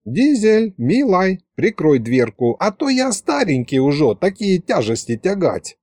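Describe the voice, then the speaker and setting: An unhurried old grandfather, as a male narrator plays him, shrewd and kindly, coaxing in folksy speech. The reading is slow and close, with a dry sound. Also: high-pitched, big pitch swings, a little mellow, dry recording, pitched above the performer's own voice, heavily acted.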